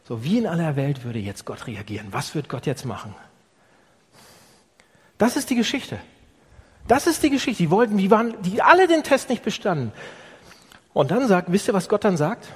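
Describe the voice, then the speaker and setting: A man preaching an animated sermon to his congregation, firing off rhetorical questions. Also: fairly high pitch, brisk, slightly rough. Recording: long reverb of a large hall.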